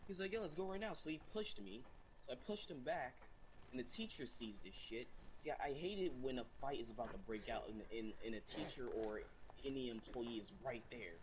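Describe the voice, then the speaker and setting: A teenage boy in casual chat telling an animated, profane story. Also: mid-range voice, moderate pace, noisy background.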